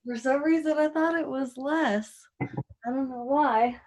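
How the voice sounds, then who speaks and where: A woman chats casually from her room at home while organising a group recording, acting as host before things begin. Her voice is high-pitched, unhurried and a little mellow, picked up on a small personal microphone on a group call with no echo.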